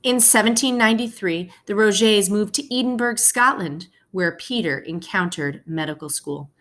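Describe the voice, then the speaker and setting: Here a teacher reads a picture book as narrator, her delivery measured and punctuated with pauses for young listeners. Her pitch is medium and her tone slightly bright.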